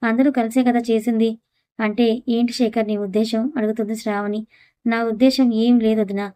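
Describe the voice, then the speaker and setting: Female narrator for an audio story, voicing every role herself in an even, level read. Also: a little high, fairly quick, no room sound. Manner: reads dialogue and narration in one even voice.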